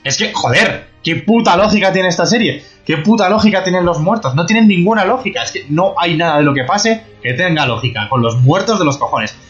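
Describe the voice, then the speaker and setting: A man's voice: high voice, animated, fairly quick, hardly any pauses, fairly bright tone. A man, a podcast host, ranting angrily and profanely about a TV episode in a slightly dull lo-fi recording with faint music. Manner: angry, profane, incredulous ranting. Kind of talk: ranting TV review.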